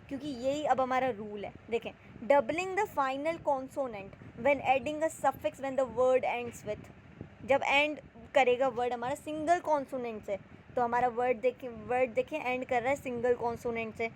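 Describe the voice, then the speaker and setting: High-pitched woman teaching spelling rules. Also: darkish tone, slight background noise, low-quality recording. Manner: explains in Hindi with English terms, asks and answers own questions. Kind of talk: spelling lesson.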